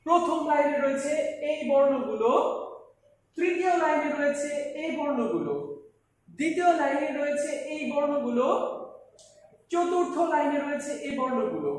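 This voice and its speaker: A woman teacher giving an alphabet lesson to children, speaking slowly and deliberately and repeating each letter twice. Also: high-pitched, darkish tone, slight background noise. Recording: very echoey room, mic far off.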